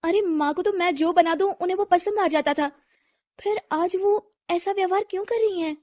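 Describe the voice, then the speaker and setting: Brief: arrogant, scolding young housewife for a storybook, a woman reading all roles, high lively voice, dry. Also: moderate pace, no echo. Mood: hurt. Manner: shrill, scolding and sharp-tongued.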